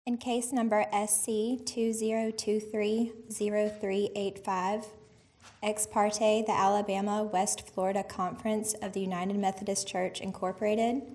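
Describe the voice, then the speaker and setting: Lady court clerk reading out the docket, pretty flat tone, formal. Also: mid-range voice.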